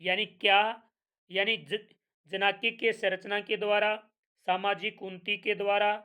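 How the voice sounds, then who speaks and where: A woman's voice: medium pitch, level tone, measured pace, bright, forceful tone, clean tone. A woman teacher with a Hindi accent going through exam revision questions, asking each answer back and repeating it.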